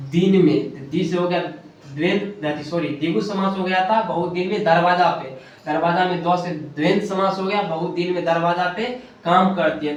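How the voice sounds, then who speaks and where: Echoey man teaching grammar at a board. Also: fairly high pitch. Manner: repetitive question-and-answer teaching, frequent self-corrections. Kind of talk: blackboard grammar lesson. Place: classroom with a board. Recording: very echoey room, distant mic, faint hiss.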